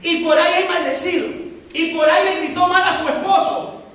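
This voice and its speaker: A woman's voice: extremely high pitch, steady tone, a little fast, fairly bright tone. A woman preacher teaching a sermon, asking rhetorical questions and addressing the congregation as brothers and sisters. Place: large echoey church hall. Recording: echoey church hall from far off.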